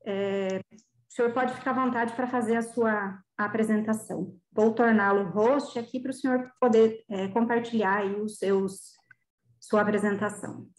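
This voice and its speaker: A woman's voice: medium pitch, steady tone, moderate pace, darkish tone. A Brazilian woman hosting an online event, formally introducing a speaker over a video call. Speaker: event host. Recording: roomy, echoey video call.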